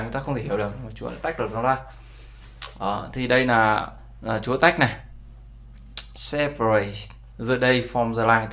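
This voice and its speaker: Guy teaching english off his screen, lots of "right?" and fillers, mid pitch. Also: gravelly, a bit bright. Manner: explains with many fillers and repeated checks with viewers. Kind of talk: screen-share language lesson.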